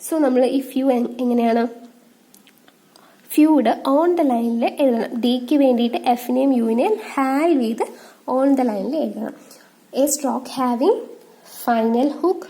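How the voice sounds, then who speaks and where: A woman's voice: a little high, mellow. A woman teaching shorthand, asking questions and answering them herself. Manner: asks questions and answers them herself, reads rules slowly. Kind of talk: explanatory lesson.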